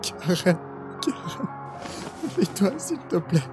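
A man acting an emotional young boyfriend in an audio drama, easily exasperated and expressive. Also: high voice, slow, music in the background, heavily acted. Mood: anguished, pleading. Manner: expressive, swinging from soft narration to anguished cries.

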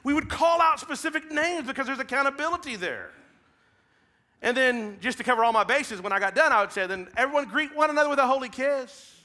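A man in his thirties with a Midwestern American accent, preaching a sermon from a church stage, swinging between loud emphatic calls and hushed, near-whispered lines. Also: very high voice, brisk. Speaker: pastor. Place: large church stage with blue-lit backdrop.

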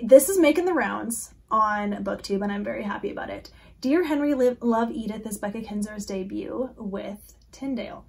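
A woman's voice: a little high, slightly rough. Chatty woman losing her voice. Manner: chatty and giggly, drops to near whispers. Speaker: book vlogger. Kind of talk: casual chat to camera.

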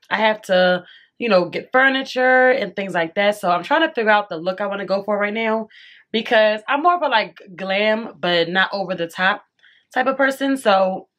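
Sitting in her bedroom at home, a young woman chats with her camera, addressing viewers as y'all while eating between words. She has a medium-pitched, slightly bright voice with a touch of congestion.

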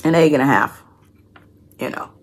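A woman hosts an eating video, talking straight to her viewers in a casual, playful way. Her voice sits low, with a husky grain running through it. She keeps it loose and chatty between bites. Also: moderate pace. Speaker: mukbang host. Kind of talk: casual eating vlog chat.

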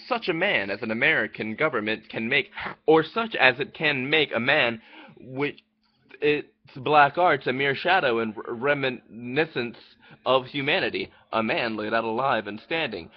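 A male vlogger in his twenties reads an old essay aloud under a speech jammer, indoors in a small room by a window. His mid-range voice stumbles, repeating words and restarting mid-word, and the audio sounds dull.

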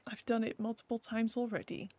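A young Dutch woman streams a game and chats casually, sarcastically talking back to the characters and joking at the game's expense. Her voice is a little high and a little mellow, fairly quick, with a flat delivery.

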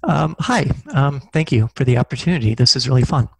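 Joining a video call from a small indoor room, a middle-aged man who is both a physicist and a science fiction author chats as an interview guest in a thoughtful, self-deprecating way. He speaks briskly through a headset mic, his medium-pitched voice gravelly.

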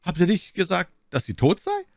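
A man putting on a stern old cardinal in a storybook reading, his voice lifted well above the reader's own and rough with gravel. He speaks slowly and deliberately, with a cold, commanding menace, in a dry, close sound. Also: on the high side, big pitch swings, dry recording, voice pushed up, exaggerated voice. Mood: stern, imperious. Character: stern, imperious older male cardinal. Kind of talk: audiobook character voice.

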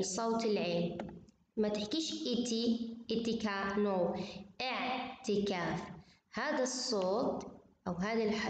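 A woman's voice: mid-range voice, darkish tone, highs cut off. Woman lecturing in a very echoey room. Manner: switches between Arabic and English, explains patiently, drills pronunciation. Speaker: university translation lecturer. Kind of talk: recorded online lecture. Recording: very echoey room, faint noise.

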